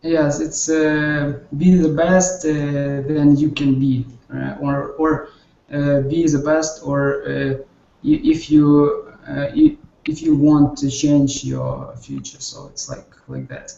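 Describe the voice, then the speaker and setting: Gravelly Ukrainian man, halting answers. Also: a little high, warm tone. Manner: hesitant, searching for words. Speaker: student. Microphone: video call. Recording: roomy lo-fi call with faint hiss.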